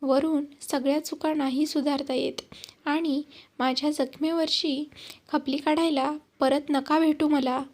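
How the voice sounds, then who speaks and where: A woman's voice: sits high, level tone, unhurried, darkish tone. A woman voicing a bitter young mother who answers coldly and with mockery. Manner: cutting, mocking tone.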